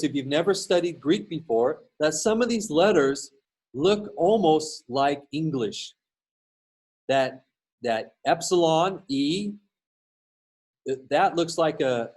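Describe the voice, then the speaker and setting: Brief: male teacher, fairly high voice, slow and patient screen-share lecture, lots of ums and restarts. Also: expressive, darkish tone, breathy edge. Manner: unhurried, explanatory, with many fillers and restarts. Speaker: instructor.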